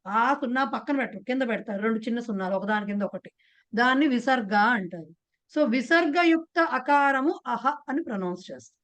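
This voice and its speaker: A woman with a Telugu accent teaching a beginners' class, explaining patiently and putting questions to her students. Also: sits high. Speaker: Sanskrit teacher. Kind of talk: online class lecture.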